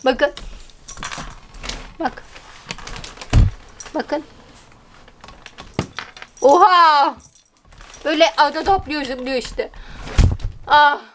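A woman's voice: high-pitched, steady tone, extremely slow, long pauses, a little hiss or hum. A woman vlogger chatting casually to her viewers, giggly and self-mocking. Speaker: TikTok vlogger.

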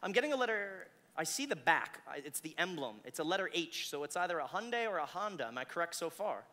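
An intense male mind reader works a live audience with commanding patter. His voice is high and bright, carried over a stage microphone into a hall with long reverb. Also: very animated, quick pace. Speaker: stage mentalist performing to an audience.

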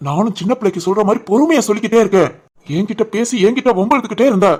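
A woman voicing a fast-talking, stern cartoon father. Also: medium pitch, a little mellow, slightly rough, close to an everyday voice. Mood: scolding. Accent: Kanyakumari-Tirunelveli Tamil. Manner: scolding, harsh. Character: angry young father, stern and protective.

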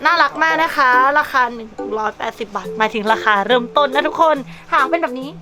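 This high-voiced woman talks fast while presenting a pet shop video, mixing sales pitches with baby talk in a gushing, playful, cutesy way. Music runs under her voice throughout the bubbly vlog.

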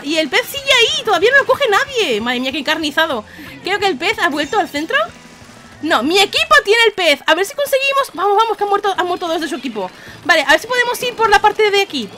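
High, bright-voiced young Spanish woman gamer. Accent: Spain Spanish. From Spain. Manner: excitable, laughs often, shouts warnings. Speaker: gaming YouTuber. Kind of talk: live gameplay commentary.

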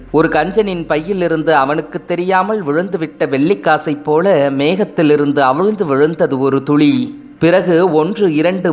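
A man narrating an audiobook novel in a measured, poetic delivery. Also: a little high, a little mellow.

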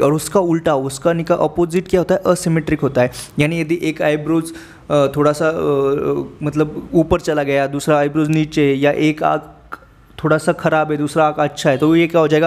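A man's voice: a little high, darkish tone. A man teaching vocabulary and idioms in a casual Hindi lecture, spelling words letter by letter and often asking "है ना". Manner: explains idioms step by step, spells words letter by letter, asks rhetorical questions; frequent filler "है ना".

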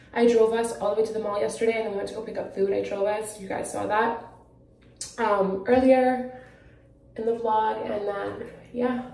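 A woman's voice: medium pitch, vocal fry, warm tone. A young woman chatting casually to her handheld camera in a vlog, bubbly and gushing, full of "like" and "obsessed". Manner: bubbly, gushing, filler-heavy. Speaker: vlogger. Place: car and shops, indoors. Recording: echoey room with faint ambient noise.

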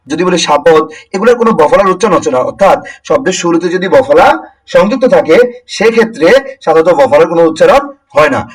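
Young man, teacher, high voice, fast, rhetorical questions, heard from a distance. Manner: quizzing and repeating with rhetorical questions. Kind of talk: online class lecture.

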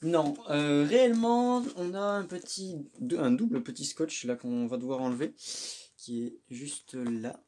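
Unboxing a microphone indoors, this male tech vlogger talks in an unhurried voice that sits on the high side. He's relaxed and chatty, cracking self-deprecating jokes, with the audio captured on a phone.

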